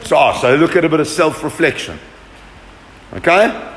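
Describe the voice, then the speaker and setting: A man's voice: fairly high pitch, very animated, normal speed, fairly bright tone. A man teaching a Torah class to a group, asking questions and answering them with emphasis. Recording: echoey room with long reverb.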